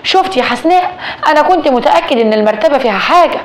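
A woman doing a calm Egyptian husband. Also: high-pitched, very fast, a little hiss or hum. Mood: steady. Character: worried husband, calm and practical. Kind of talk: storytelling dialogue.

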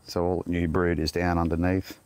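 A middle-aged Australian beekeeper talks casually to a tripod-mounted camera in an outdoor garden, muttering self-deprecating asides as he works. His voice sits low and is resonant, brisk and clear, with a completely flat delivery and no echo.

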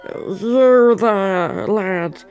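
Woman doing a very slow rambling old man. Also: mid-range voice, darkish tone, clean tone, muffled recording, voice pushed up. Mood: indignant, shaken. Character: rambling, indignant old man, shaken townsperson. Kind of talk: reading game dialogue in character.

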